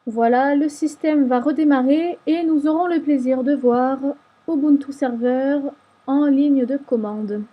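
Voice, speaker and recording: A woman narrating a screen-recorded software tutorial, explaining each step patiently. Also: sits high, measured pace, highs cut off. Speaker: tutorial maker.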